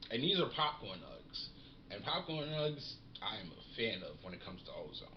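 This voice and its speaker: A man's voice: on the low side, moderate pace. Laid-back man reviewing cannabis, roomy sound. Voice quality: slangy, relaxed, savoring. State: smoking while talking. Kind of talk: casual strain review vlog. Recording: roomy, dull lo-fi sound with faint noise.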